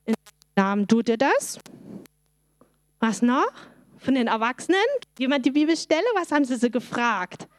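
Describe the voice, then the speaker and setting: Brief: woman, high voice, dry close sound, animated children's Bible teacher who quizzes the kids. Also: moderate pace, long pauses, no echo. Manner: lively storytelling, asks the children questions.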